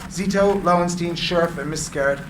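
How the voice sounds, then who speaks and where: At a live reading, a man reads screenplay stage directions aloud as dramatic narration, his voice sitting high and moving fairly quickly. The room is echoey, with clear background noise.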